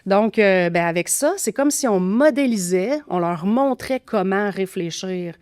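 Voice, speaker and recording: A woman's voice: mid-range voice, animated, measured pace, darkish tone, smooth, no echo, clean studio sound. A woman with a Québécois accent explaining teaching methods as a podcast guest, thoughtful with frequent fillers and restarts. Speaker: grammar teaching expert guest.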